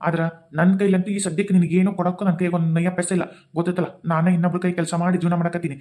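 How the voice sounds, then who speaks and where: A man's voice: high-pitched, little pitch movement, rapid-fire, mellow, natural voice. A man voicing a young husband and son in a cartoon, bitter and emphatic, with a North Karnataka accent. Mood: resigned. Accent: North Karnataka Kannada.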